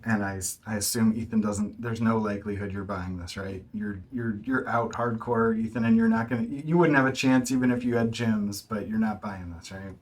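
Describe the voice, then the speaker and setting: A man's voice: on the low side, a little fast, hardly any pauses. A man hosting a casual group podcast chat, with an echoing, tunnel-like sound to his voice. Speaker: podcast host. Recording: distant, echoing tunnel-like mic.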